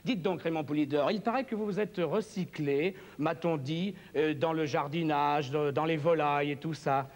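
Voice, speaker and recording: A man's voice: on the high side, moderate pace, hardly any pauses, big-room sound. A man working as a ventriloquist on a TV variety show, playfully chatting with his puppets like a kindly uncle. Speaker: ventriloquist and impressionist guest.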